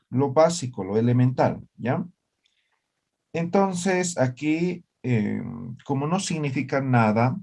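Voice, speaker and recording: A man's voice: medium pitch, a little mellow. Patient man teaching a language class. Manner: explanatory, checks understanding with frequent "¿ya?" and "¿no ve?". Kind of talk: online class lecture.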